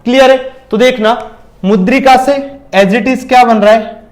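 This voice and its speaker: A male teacher giving an exam-prep lecture, asking questions and answering them himself, and often checking whether it is clear. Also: extremely high pitch, moderate pace. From India.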